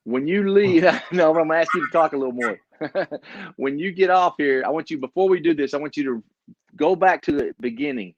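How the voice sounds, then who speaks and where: A man's voice: a little high, a little fast, dry recording. Folksy Texan man coaching, emphatic. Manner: folksy, emphatic, repeats key phrases. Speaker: business coach. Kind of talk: motivational webinar talk. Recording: dull, dry sound.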